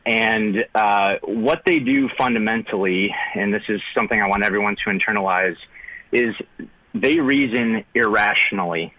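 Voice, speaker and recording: A man's voice: on the low side, steady tone, normal speed, sharp tone, no room sound, rough recording. A man, calling in to a radio show and explaining earnestly with many fillers. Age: 30s. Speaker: caller.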